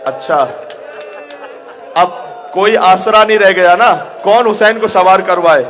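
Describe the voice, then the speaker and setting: A man's voice: high voice, fairly bright tone, a faint crowd, slight background noise. A male preacher delivering an emotional mourning sermon in a hall, rising to anguished cries and half-sung lament. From Pakistan. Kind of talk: Muharram majlis sermon recounting Karbala. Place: large hall gathering.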